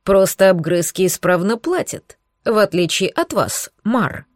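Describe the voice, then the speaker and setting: A woman voicing a lazy, melancholic male sea turtle who talks in a slow, weary drawl. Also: mid-range voice, lively intonation, no echo, lightly acted.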